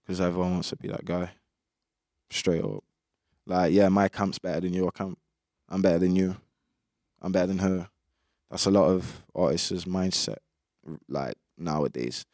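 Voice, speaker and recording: Young man, British urban roadman accent, low pitch, dry close sound, slangy casual interview talk, opinionated. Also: fairly even intonation, moderate pace, long pauses, a little mellow, no echo. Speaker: music artist being interviewed.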